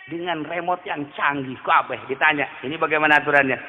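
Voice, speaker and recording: A man with a Sundanese accent preaching a sermon in lively storytelling style, joking and dropping from loud calls to hushed asides. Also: a little high, fairly quick, big-room sound, phone-quality sound, slight background noise.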